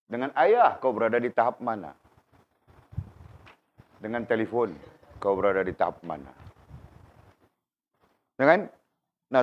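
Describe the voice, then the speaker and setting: A man teaching an informal religious class, quizzing students by name and tagging his points with quick questions, sounding unwell. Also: mid-range voice. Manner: conversational, questions students by name, frequent tag questions. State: unwell, in pain while talking. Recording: dull lo-fi recording.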